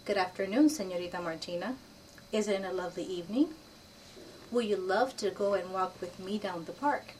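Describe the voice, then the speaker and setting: A woman voicing a gentle, courteous male mouse suitor in a soft, low voice, recorded from a distance with faint noise. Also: moderate pace, close to an everyday voice. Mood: courtly.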